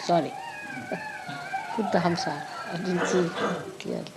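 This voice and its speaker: A woman's voice: fairly low pitch, a little fast, very noisy. A woman teaching a gathering in a spoken talk with questions and answers. She stresses her points and repeats key phrases, speaking straight to her listeners. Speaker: spiritual teacher. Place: meeting hall with an audience.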